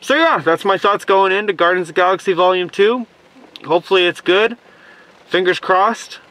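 A man's voice: sits high, normal speed, sharp tone. A man with a cold and sore throat chatting casually to camera from inside a parked car, voice slightly muffled by a face mask, rambling and rephrasing as he reviews films. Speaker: movie review vlogger.

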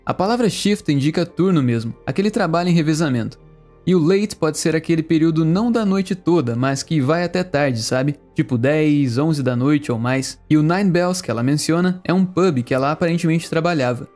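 A Brazilian man teaching English, friendly, explaining and repeating phrases slowly. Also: fairly high pitch, expressive, a little mellow, soft background music. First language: Portuguese. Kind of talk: language lesson narration.

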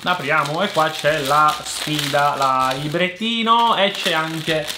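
A young man chatting in a playful, excitable way in a casual challenge video. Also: fairly high pitch, slow. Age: young adult. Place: small furnished bedroom, indoors. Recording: roomy echo with faint noise and clicks.

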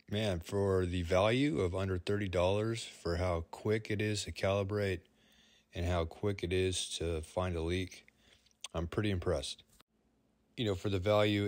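A man's voice: low voice, no echo. A man, a plumber, talking through a product review in an easygoing, plain-spoken way.

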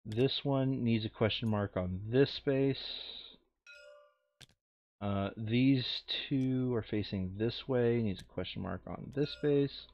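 In a slow, mid-range voice, a man reads scenario text aloud during an online board game and chats casually in between. The high frequencies are cut from the recording.

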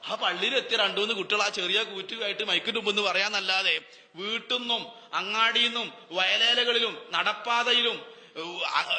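A man preaching a Ramadan sermon, telling stories with rhetorical questions and swinging from loud to hushed. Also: high-pitched, in a large hall.

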